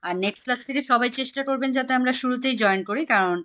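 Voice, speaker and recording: A woman's voice: high voice, very fast, sharp tone. A woman teaching an online German class, patiently quizzing her students on pronunciation over a video call.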